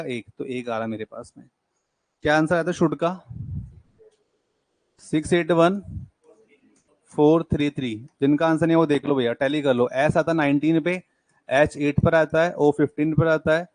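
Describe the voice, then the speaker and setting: A young man teaching an exam-prep class, working through puzzles by counting digits aloud, briskly urging students on. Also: fairly high pitch, no room sound. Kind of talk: live classroom lecture.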